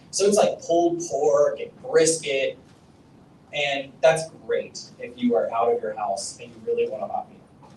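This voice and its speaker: A man's voice: medium pitch, darkish tone, echoey room, recorded from a distance, a little hiss or hum, rough recording. A man giving a casual, profane storytelling talk on stage at a summit, leaning on "like" and "okay?". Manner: casual, profane, self-deprecating, lots of "like" and "okay?". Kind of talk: storytelling keynote speech. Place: conference hall.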